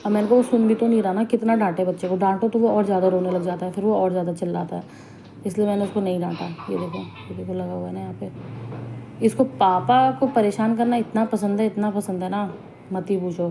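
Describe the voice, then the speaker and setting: A woman's voice: lowish voice, level tone, quick pace, vocal fry, warm tone, a little hiss or hum. A young woman casually narrating a family vlog, chatty and homely in her storytelling. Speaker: family vlogger.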